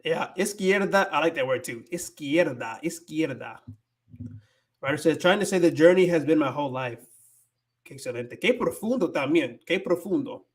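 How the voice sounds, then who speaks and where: A slightly high-voiced man from the US streams slowly, animated with a breathy edge. As a livestream host who teaches Spanish, he reads viewer comments in laid-back chat, moving between Spanish and English and groping for words.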